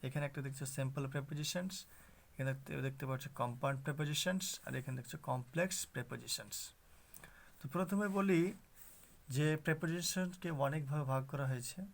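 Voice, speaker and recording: A man's voice: medium pitch, creaky. A man teaching an English grammar lesson to students, explaining step by step and asking rhetorical questions.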